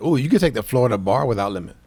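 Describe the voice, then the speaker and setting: A man's voice: medium pitch, lively intonation, racing, a little mellow, husky, dry recording. A man co-hosting a podcast with casual banter and slangy frat-bro talk. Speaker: podcast co-host.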